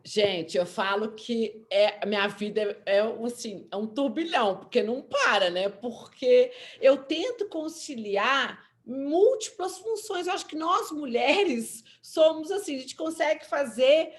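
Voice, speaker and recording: A woman lawyer with a Brazilian accent, speaking as a guest on a panel and explaining with animated, acted-out examples. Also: sits high, unhurried, hardly any pauses. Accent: Brazilian Portuguese. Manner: animated, explanatory, acts out quotes. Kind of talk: panel discussion.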